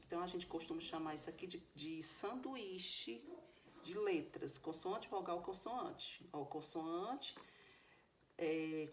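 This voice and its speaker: A woman's voice: fairly low pitch, slight background noise. A woman with a Brazilian Portuguese accent teaching English grammar in a recorded video lesson, explaining step by step and often checking that her students follow.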